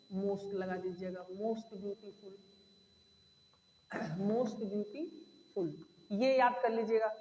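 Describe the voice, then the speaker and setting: A woman teaching English grammar in Hindi, repeating key points, addressing students as "beta", and slowing down to say example words one by one. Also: a little high, darkish tone. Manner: slows to spell out words. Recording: echoey room with long reverb.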